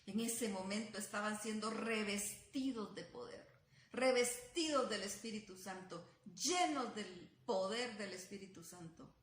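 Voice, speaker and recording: In an echoey room, a woman preaches a sermon in Spanish at an unhurried pace and medium pitch, with slight background noise. She retells scripture as a story, dramatizing the disciples' questions with rising emphasis.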